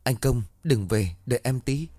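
A man voicing a hot-tempered village woman who swears in anger and stammers with fright in a ghost story, raising his pitch for her. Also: lively intonation, moderate pace, warm tone, no room sound, lightly acted. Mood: terrified.

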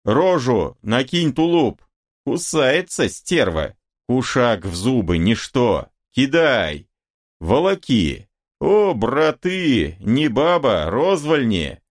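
A man voicing rowdy, coarse young men shouting in a brawl, in a novel reading. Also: medium pitch, very animated, slow, voice pushed up.

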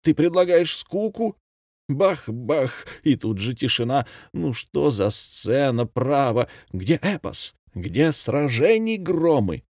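A man's voice: mid-range voice, very animated, takes it slowly, a little mellow, dry recording, studio quality, pitched above the performer's own voice, full character voice. A man voicing a boastful, pompous middle-aged male former theatre director who talks in grand, theatrical phrases, as a commandant in an audiobook. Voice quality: grandiloquent, theatrical, rhyming speech.

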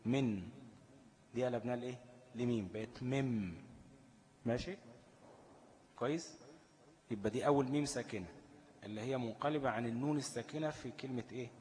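In a large hall, an Egyptian-accented man leads a tajweed class, posing questions for his students to answer and stretching each recited example. He has a mid-range, somewhat mellow voice.

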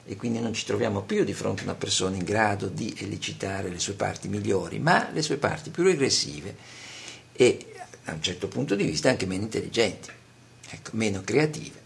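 A male lecturer with a low, gravelly voice whose pitch rises and falls in a lively way. He speaks in a measured manner, pausing often and filling gaps with hesitant "eh" sounds as he explains. Faint background ambience sits under his voice. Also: a little hiss or hum. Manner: measured, with frequent pauses and "eh" fillers. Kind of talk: spoken lecture.

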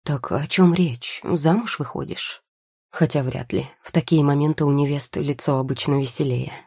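A sly, mocking young man, a rival potion-maker who keeps pressing with dry questions, as a woman reads him in an audiobook. The voice sits low and dark with a husky edge. It is close and dry, with no room around it. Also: moderate pace, no echo, exaggerated voice. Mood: probing. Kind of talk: audiobook character voice.

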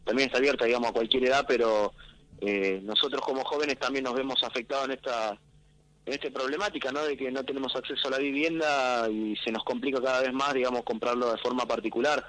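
A young man with a Rioplatense Argentine accent, heard over a speakerphone call as he gives a live field report from an outdoor event, talking in a relaxed, chatty way and leaning on fillers. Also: medium pitch, fast talker, no room sound, low-quality recording. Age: young adult. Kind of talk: live phone-in report on a radio show. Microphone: mobile phone.

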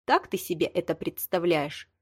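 A woman reading the lines of a blunt, hot-tempered young man, a lawyer, with a sharp, exasperated delivery. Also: on the low side, expressive, normal speed, slightly rough, no room sound, studio quality. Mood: heated. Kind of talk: audiobook dialogue reading.

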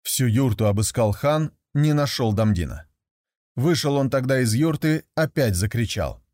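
A man's voice: mid-range voice, expressive, moderate pace, darkish tone, dry recording. Man telling a folk tale, dry sound. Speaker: narrator.

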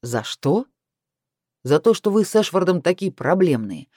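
A man's voice: high-pitched, very animated, measured pace, a little mellow, no room sound, studio quality, exaggerated voice. A woman voicing a sarcastic, stern middle-aged male boss in an audiobook. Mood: sardonic.

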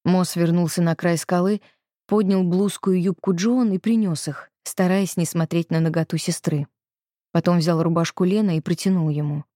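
A woman narrates an audiobook in a calm, measured way. Her voice is mellow and slightly low, recorded close with a dry sound and no room echo. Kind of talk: scripted narration.

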